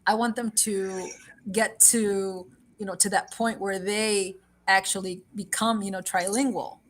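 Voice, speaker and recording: A livestream host speaks a little slowly in a mid-range voice with fairly even intonation, and a slight hiss or hum is audible. She chats casually and repetitively, switching between Spanish and English and laughing often.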